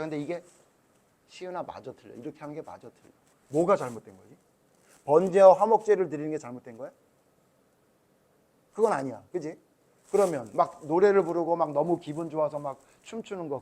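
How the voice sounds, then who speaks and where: Acting out each character's lines, a pastor turns the Bible story into a lively retelling for his Sunday school children. His voice is a little high for a man, and he keeps asking the kids questions, naming them one by one.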